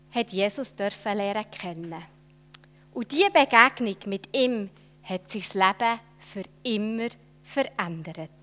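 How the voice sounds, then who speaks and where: A woman telling a children's Bible story in an expressive way, with dramatic swells and soft whispered asides. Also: mid-range voice.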